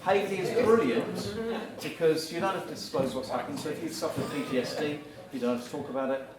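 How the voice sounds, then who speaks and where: A man giving a short live talk, walking the audience through exercises and calling out loudly at times. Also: mid-range voice, fast talker. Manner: energetic, instructing the crowd, rising to loud calls. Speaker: speaker at a live talk event. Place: event venue with a live audience. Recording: echoey hall, far from the mic, crowd noise.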